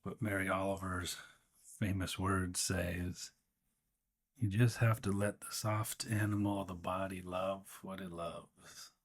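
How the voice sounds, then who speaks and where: Leading a meditation, a man speaks in a fairly low, steady voice, gentle and slow. He frequently stops midway through a sentence before continuing.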